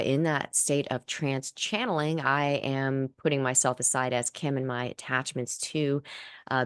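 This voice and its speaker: A woman speaking as a seance medium and spiritual teacher, explaining channeling in halting, reflective, gently formal phrases. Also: rumbling low, smooth, no echo, clean studio sound.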